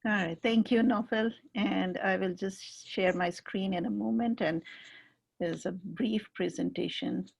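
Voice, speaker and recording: A woman's voice: mid-range voice, fairly even intonation, unhurried, vocal fry, breathy edge, no echo, rough recording. A woman from Pakistan, a professor patiently explaining terms step by step in a presentation over a video call. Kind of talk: explanatory lecture.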